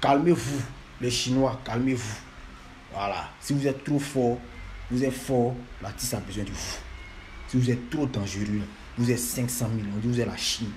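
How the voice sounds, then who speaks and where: A man's voice: mid-range voice, normal speed, darkish tone, a little hiss or hum. A man, lecturing and scolding fans in a repetitive, emphatic monologue. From Ivory Coast.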